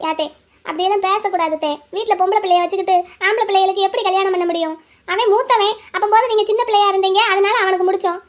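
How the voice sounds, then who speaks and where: A woman's voice: extremely high pitch, rapid-fire. Woman voicing a scolding old cartoon grandmother. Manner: lecturing, scolding. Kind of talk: Tamil cartoon voice acting.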